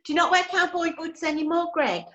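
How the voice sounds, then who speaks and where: Woman, bright high voice, co-host making dry asides, relaxed chat. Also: brisk, muffled recording. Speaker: advice podcast co-host. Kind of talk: casual chat.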